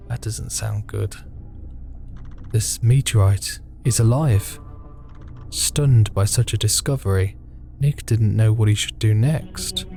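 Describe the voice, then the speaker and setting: Guy reading a horror visual novel out loud, swears a bunch, music playing behind. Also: lowish voice, vocal fry. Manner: reads narration then reacts with swearing and jokes. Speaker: gaming video host. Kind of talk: reading game text aloud with reactions.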